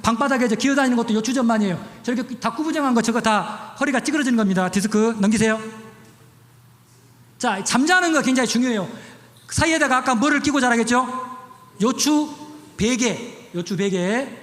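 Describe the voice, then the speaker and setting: A man's voice: very high voice, brisk, fairly bright tone. A middle-aged male pastor giving a chatty, demonstrative health talk in church, repeating short instructions as he goes through slides. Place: church hall. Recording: echoey church hall.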